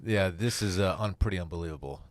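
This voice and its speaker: A man's voice: low-pitched, fast talker, dry recording. A man chatting casually as a panelist on a sports podcast.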